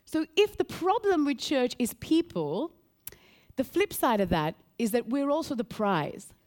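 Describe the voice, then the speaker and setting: A woman from Sri Lanka preaching a sermon, earnest and animated, repeating key phrases and telling a story. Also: high-pitched, measured pace.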